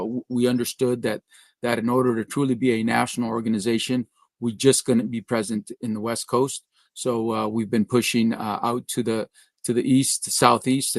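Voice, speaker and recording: A man's voice: mid-range voice, vocal fry, no room sound. A man leading a trade organization, speaking in a matter-of-fact, upbeat way in a casual conversation.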